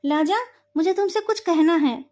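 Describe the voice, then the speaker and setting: A bold, teasing young male cultivator, as a woman narrator puts him on, his lines coming high and lifted. He pleads and blurts out his feelings in a heated, emotional way. A storybook retelling with high-set speech. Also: moderate pace, a little mellow. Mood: earnest.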